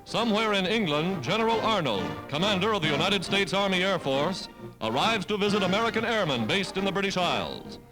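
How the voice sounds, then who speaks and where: A man narrating an old 1940s wartime newsreel in a brisk, dramatic announcer manner. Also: high voice, very animated, over music, low-quality recording.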